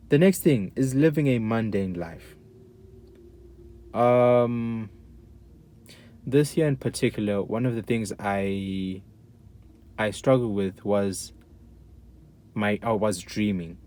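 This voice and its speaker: Young man, low voice, earnest, halting, slangy, candid faith talk. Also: a little mellow. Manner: earnest, halting, many restarts and fillers; casual slang, says bro and man. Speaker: guest sharing testimony.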